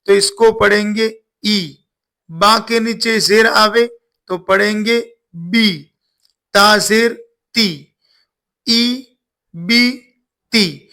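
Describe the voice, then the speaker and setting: Slow, gravelly high-voiced male teacher. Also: pushed and bright. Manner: drills letter sounds slowly, repeating each for learners. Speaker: Quran reading teacher. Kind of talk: step-by-step recitation lesson.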